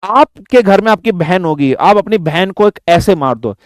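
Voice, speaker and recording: Man, high voice, physics teacher, mix, question-and-answer lecture, dry close sound. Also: lively intonation, moderate pace, no echo. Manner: addresses students as beta, asks and answers own questions. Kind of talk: classroom lecture.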